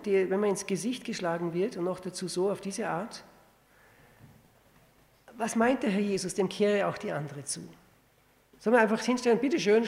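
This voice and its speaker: A man with a gravelly, creaky voice preaches a verse-by-verse sermon in a conversational way. He stumbles into restarts and keeps checking in with his listeners through rhetorical questions. His voice rings out with a long reverb in a church hall. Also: high voice, darkish tone. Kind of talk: sermon, verse-by-verse Bible exposition.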